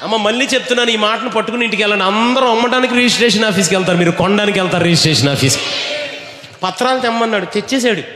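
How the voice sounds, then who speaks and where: Loud, bright-voiced male pastor preaching. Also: sits high, very fast. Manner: urges the congregation to repeat lines loudly. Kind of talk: call-and-response sermon. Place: large echoing church hall. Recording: echoey hall sound, faint ambience.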